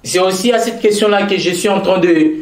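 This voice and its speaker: This brisk, high-voiced Congolese man from Kasaï-Central offers earnest, formal public remarks on provincial politics during an interview. He speaks with a Congolese French accent, pausing hesitantly and circling back to key phrases, and the room echoes.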